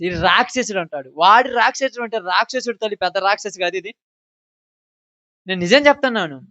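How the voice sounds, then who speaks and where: A high-voiced man preaching a sermon, talking straight at his listeners. He swings from loud, pressing points to hushed asides. The recording is dry and a little dull. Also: no echo. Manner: emphatic, swinging loud and soft, addressing listeners directly.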